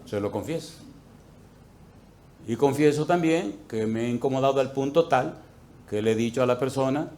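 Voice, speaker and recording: A man preaching a sermon to a congregation, telling a story with acted-out dialogue and swinging between loud outbursts and quiet asides. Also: medium pitch, normal speed, pauses often. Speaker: pastor. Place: church, before a congregation.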